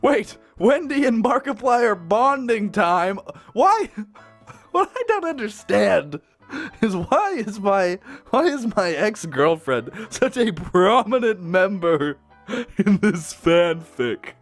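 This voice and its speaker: High-voiced excitable man reading fanfic. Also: slow pace, soft background music. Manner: excitable, laughs often, gushing asides. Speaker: YouTuber reading fan fiction. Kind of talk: reading fan fiction aloud with reactions.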